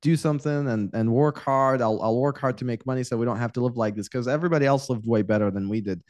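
This man in his twenties, raised in Iraq, speaks quickly at medium pitch with a darkish tone and no room sound. A real estate investor appearing as a podcast guest, he tells his life story candidly in casual interview fashion, often repeating words while he thinks.

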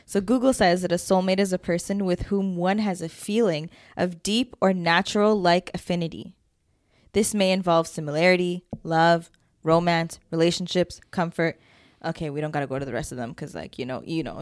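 A woman's voice: lowish voice, steady tone, brisk, dry recording, studio quality. A young woman co-hosting a casual podcast, rambling with lots of fillers and frequent giggles. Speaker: podcast co-host. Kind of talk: casual chat.

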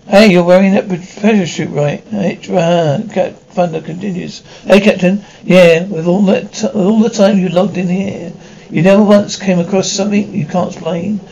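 Man playing period military drama roles: high voice, halting repeated words, muffled lo-fi recording. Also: fairly even intonation, gravelly, darkish tone. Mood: urgent.

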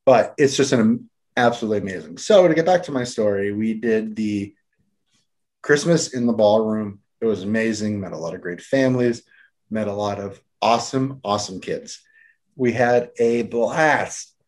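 A man's voice: on the low side, normal speed, a little mellow. A man hosting a podcast, talking in a casual, earnest way. He sounds a little nervous and gets choked up at times. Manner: earnest, emotional, a bit nervous on camera. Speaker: podcast host.

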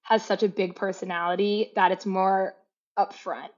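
Woman, podcast co-host, casual chat, enthusiastic, middle pitch, slightly muffled recording. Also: flat delivery, normal speed.

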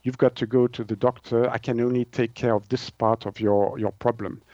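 In his sixties and Swiss, this native French speaker with a Swiss French accent is a naturopath and author answering an interviewer's questions. His mid-range voice is mellow, with a flat delivery and moderate pace, and he sounds conversational yet hesitant as he searches for words. There's no echo, and the audio is dull.

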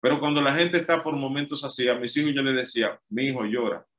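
A man's voice: medium pitch, fairly even intonation, fast, a bit bright. A man preaching an emphatic, repetitive sermon. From Dominican Republic.

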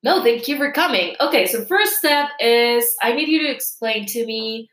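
A woman's voice: a little high, animated, moderate pace, a bit bright. A young woman from Rica, hosting a casual interview and asking chatty, curious questions. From Costa Rica. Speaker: host. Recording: echoey room.

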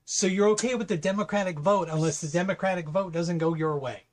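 A man in his fifties from California with a somewhat high voice, co-hosting a casual talk. He speaks bluntly and keeps restating his points until they land. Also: quick pace, a little hiss or hum. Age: 50s. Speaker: podcast co-host. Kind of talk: casual opinion chat.

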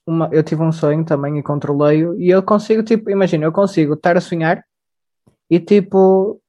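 Mellow young Portuguese speaker, rambling. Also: male voice, a little high, a little fast. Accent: European Portuguese. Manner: loose, slangy, rambling. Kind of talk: casual chat.

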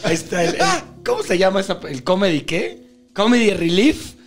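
A man's voice: sits high, a little fast, faint music behind. A young Mexican man co-hosting a comedy podcast, sarcastic and rambling. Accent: Mexican Spanish. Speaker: podcast co-host. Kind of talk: crude comedic banter.

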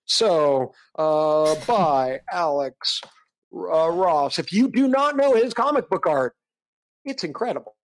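Excitable rambling man on a livestream. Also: on the high side, slow, rough recording. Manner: rambling, restarts, excitable, laughs often. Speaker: livestream co-host demonstrating AI image prompts. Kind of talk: casual livestream chat.

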